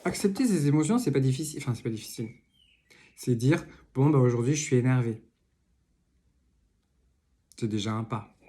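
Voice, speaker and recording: Warm and mid-pitched, the man speaks at a moderate pace with long pauses during his casual tarot reading. He rambles a lot, leaning on fillers, tangents and jokes. It's a noisy home recording with audible clicks.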